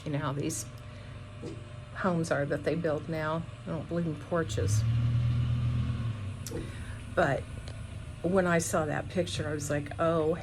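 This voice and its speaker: A middle-aged woman chatting casually to camera on her front porch, rambling in a conversational way with trailing pauses. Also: low-pitched. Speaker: vlogger. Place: outdoors on a small front porch. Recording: noticeable outdoor background noise. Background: outdoor ambience.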